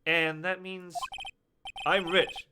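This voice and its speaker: A man's voice: high-pitched, level tone, slow, sharp tone, slight background noise, exaggerated voice. A man voicing a flamboyant, vain male stage magician in a fan game voice-over, drawling and calling people sweetie. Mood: smug. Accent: put-on Southern US when panicking. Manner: drawling, calls everyone sweetie.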